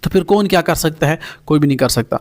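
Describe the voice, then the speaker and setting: A man teaching Quranic Arabic in a recorded lesson, saying Arabic phrases slowly and then explaining them in plain terms. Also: on the high side, lively intonation, darkish tone.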